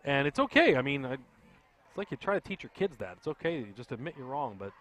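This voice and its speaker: Fast, bright-voiced male football announcer. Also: medium pitch. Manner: excitable, talks fast, rises sharply on big plays. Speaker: play-by-play announcer. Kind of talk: high school football commentary.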